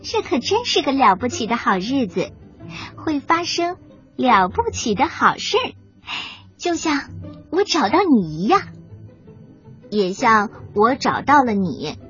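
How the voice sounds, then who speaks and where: A woman's voice: sing-song, a little slow, long pauses, fairly bright tone, heavily acted. A woman voicing a sweet, earnest young piglet girl in a storybook reading, in a raised, earnest voice. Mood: cheerful. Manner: high, earnest. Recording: dull lo-fi recording, faint music.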